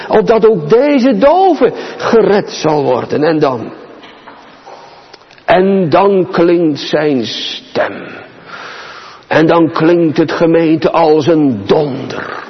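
A man preaching a sermon to his congregation, slow and solemn, with dramatic pauses and emphasis. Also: sits high. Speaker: pastor. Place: church. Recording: dull, reverberant church hall.

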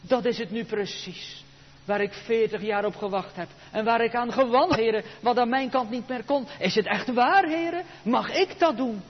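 A man's voice: extremely high pitch, normal speed, long reverb tail, lo-fi sound, voice pushed up. A man preaching in a sermon, voicing the reluctant shepherd Moses as he pleads and objects. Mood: wondering.

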